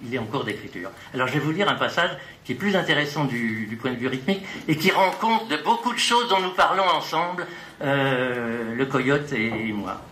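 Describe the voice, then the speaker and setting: A man's voice: medium pitch, animated, normal speed, a bit bright, a little hiss or hum. A man introducing and then reading his own poem aloud at a live poetry evening, in a rhythmic, playful, list-like delivery. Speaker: poet reading his work. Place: gallery at an evening event.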